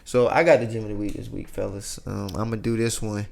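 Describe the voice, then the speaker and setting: A man's voice: lowish voice, level tone, a little fast, vocal fry, a little mellow. A man co-hosting a podcast in laid-back, casual chat, drawling and filling his talk with likes and you-knows. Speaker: podcast co-host.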